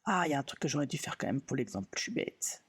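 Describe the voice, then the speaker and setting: In a casual live stream, a man teaches software in a racing, husky, mid-range voice. He's relaxed and pokes fun at himself, thinking out loud with lots of fillers and false starts.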